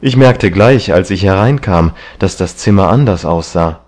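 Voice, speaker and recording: A man reading an audiobook, voicing a gentle, devoted middle-aged painter who talks in an earnest, coaxing way. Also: deep voice, expressive, normal speed. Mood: insistent.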